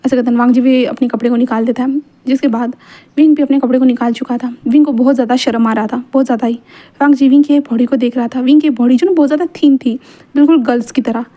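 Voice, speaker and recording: A woman narrates a fan fiction story in a chatty, rambling way. Her voice sits high with a soft, dark tone. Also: fairly even intonation, quick pace. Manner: chatty, loose narration with fillers. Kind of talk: casual reading of fan fiction.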